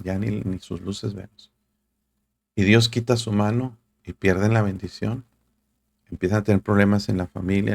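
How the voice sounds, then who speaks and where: A male pastor preaching earnestly in a low, gravelly voice. He calls his listeners brother and reads scripture aloud between his points. The sound is dry and close. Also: darkish tone, no echo. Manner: reads scripture aloud, searches for verses mid-talk. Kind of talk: sermon.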